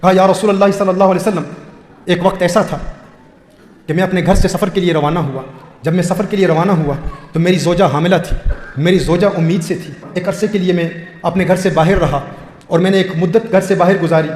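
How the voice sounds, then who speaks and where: A man's voice: high voice, steady tone, darkish tone. A male preacher telling a moving story in a sermon, with heartfelt, repetitive phrasing. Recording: echoey hall with long reverb.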